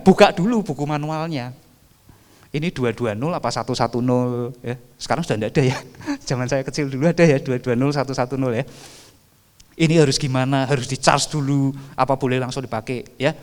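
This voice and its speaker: A man, preaching a sermon and quizzing the congregation with rhetorical questions. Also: medium pitch. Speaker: pastor. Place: church sanctuary. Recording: reverberant church hall.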